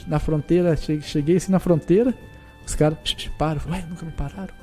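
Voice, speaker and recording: Brazilian guy rambling thru a story, repeats himself, does the other people's lines, kinda dark voice. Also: on the high side, fairly quick, faint music behind. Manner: animated, repetitive, acts out dialogue. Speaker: guest, footballer. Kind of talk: casual storytelling.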